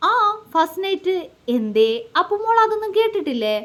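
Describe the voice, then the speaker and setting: A man's voice: very high voice, very animated, normal speed, pitched above the performer's own voice, full character voice. A woman reading as a teasing young husband. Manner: teasing, soft-spoken. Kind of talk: romantic story reading.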